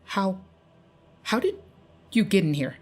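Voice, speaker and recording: A woman's voice: deep voice, normal speed, husky. A stammering scared teen girl, voiced by a woman narrator. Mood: nervous. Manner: stuttering, nervous. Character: frightened teenage girl.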